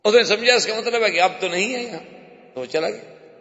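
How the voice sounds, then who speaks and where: In a lively sermon built around stories, a male preacher varies his pitch and hits his words hard. The audio is lo-fi and muffled, echoing through a hall.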